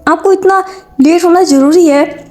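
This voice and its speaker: A woman's voice: very high-pitched, unhurried, darkish tone, pitched above the performer's own voice. A woman voicing a hot-tempered young man who nags and scolds a stubborn child in a fanfiction story. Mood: exasperated scolding. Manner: scolding, nagging, exasperated.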